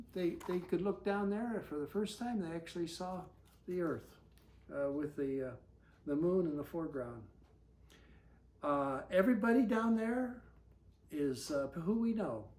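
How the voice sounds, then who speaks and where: Slow, gentle storybook reader. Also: medium pitch. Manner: slow, gentle, explains and asks the listening child questions. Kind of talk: reading a picture book aloud with chatty asides to a child.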